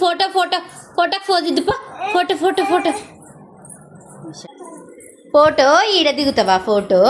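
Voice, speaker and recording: A woman's voice: very high voice, noisy background. A young woman, talking playfully to a baby in repetitive, coaxing, sing-song questions.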